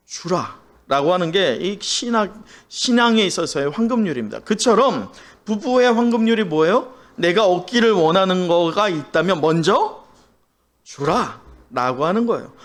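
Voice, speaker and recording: Lively high-voiced male pastor preaching. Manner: asks the congregation questions and has them repeat phrases; animated storytelling delivery. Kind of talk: sermon.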